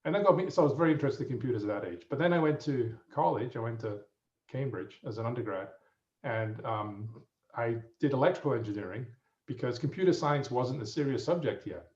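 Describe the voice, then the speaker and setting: A man in his fifties with an English accent, a guest telling his story in a relaxed, rambling way with lots of fillers, heard over muffled remote audio. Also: medium pitch, brisk. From England. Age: 50s. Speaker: guest professor. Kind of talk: casual storytelling. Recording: muffled, roomy audio from a distance.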